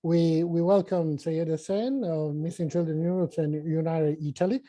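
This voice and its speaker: A man moderates an online panel and introduces a guest. His voice is very dark and mellow, and his speech halts with fillers. The recording is dry and close. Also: a little high, fairly even intonation, no room sound. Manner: halting, with fillers.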